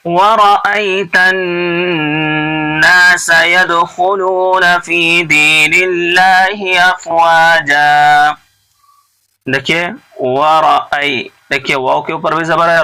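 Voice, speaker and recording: A man teaching Quran recitation rules, explaining each letter patiently and repeating words slowly. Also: a little high, sharp tone, low-quality recording. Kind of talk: tajweed lesson, explaining rules between slow recited verses.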